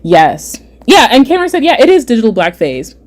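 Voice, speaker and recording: A young adult woman hosting a casual livestream chat, reading viewer comments aloud, animated and repeating herself often. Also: on the high side, brisk. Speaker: livestream host.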